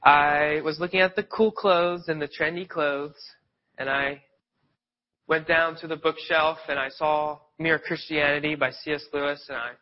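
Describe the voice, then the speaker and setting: The dull, lo-fi recording captures a lay preacher giving a relaxed, conversational sermon that meanders into loose stories and restarts. He's from Pennsylvania near Philadelphia and sniffles a little with a cold. His voice is a little high, fairly even in intonation, at a moderate pace.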